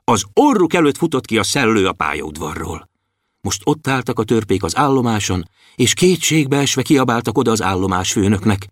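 A man reading a children's story aloud with animated, expressive narration. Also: lowish voice, no room sound, clean studio sound.

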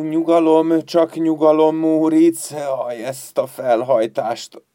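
A man's voice: medium pitch, mellow, dry recording, clean studio sound, natural voice. A man playing a fed-up young local in a radio comedy sketch, complaining with sarcasm. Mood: fretful.

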